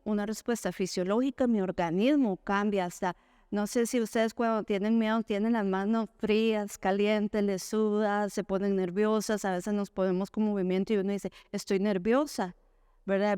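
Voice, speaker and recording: A woman giving an educational talk to parents. She explains step by step, asks the audience questions and answers them herself, and acts out quoted parents and children in a higher voice. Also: a little mellow, clean tone, dry recording, clean studio sound. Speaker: school talk speaker for parents.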